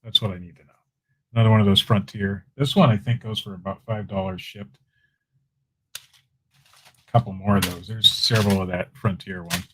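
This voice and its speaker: Man, lowish voice, casual live-stream auctioneer, chatty, talks to the chat, trails off softly. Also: fairly even intonation, moderate pace, long pauses, husky.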